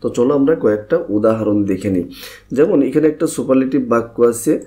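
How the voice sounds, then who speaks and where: A man teaches an English grammar lesson in a mellow, warm voice. He walks through each rule step by step, posing questions and answering them himself. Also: medium pitch, moderate pace.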